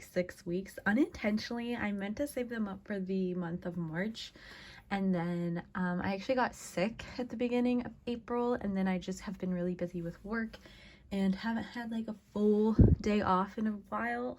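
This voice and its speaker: A woman's voice: mid-range voice, normal speed, a little mellow. A young woman in casual chat, upbeat and chatty with lots of fillers, recovering from a cough, talking at her desk at home. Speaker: vlogger.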